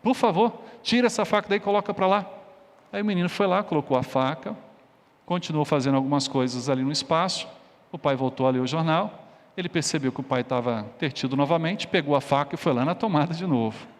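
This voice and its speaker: A male pastor preaches, moving from storytelling to emphatic exhortation. His voice sits fairly high for a man. A long church reverb follows every phrase. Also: fast. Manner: emphatic, explanatory, rising on exhortations. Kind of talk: sermon with a storytelling illustration.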